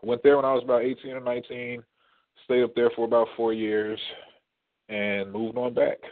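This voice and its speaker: A man in his thirties, raised in Atlanta, with a Midwestern accent, talking in a relaxed, easygoing way as a tattoo artist guest on a radio show. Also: medium pitch, moderate pace. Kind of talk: casual interview. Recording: tinny phone line.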